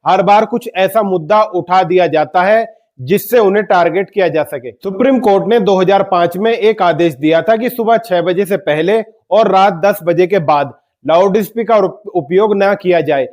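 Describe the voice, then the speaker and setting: A man with a high-sitting, darkish voice speaks at a normal speed. He is a news commentator and channel host delivering scripted political remarks emphatically and putting rhetorical questions to his viewers.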